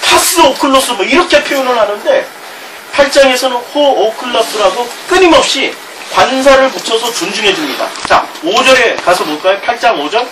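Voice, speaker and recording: A man's voice: very high-pitched, animated, moderate pace. A middle-aged male pastor with a Gyeongsang Korean accent, preaching a sermon, reading scripture aloud with chuckling asides. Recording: distant mic with background noise.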